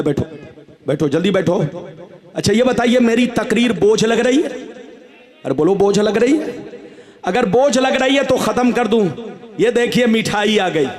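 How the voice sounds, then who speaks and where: High-pitched, booming male preacher. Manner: exhorting, calling on the crowd to respond loudly. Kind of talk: booming sermon to a crowd. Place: large religious gathering. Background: crowd.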